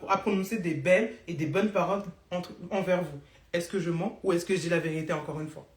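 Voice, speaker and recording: Blunt teasing woman coach, echoey. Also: lowish voice. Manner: blunt, teasing, sprinkles English phrases. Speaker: business coach for beauty entrepreneurs. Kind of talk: live-stream coaching talk.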